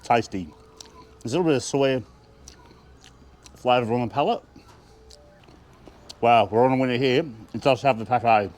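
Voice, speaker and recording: A man's voice: mid-range voice, normal speed, long pauses, a little mellow. A man with an Australian accent, chatting with enthusiasm as he reviews food and laughing often. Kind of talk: casual food review vlog.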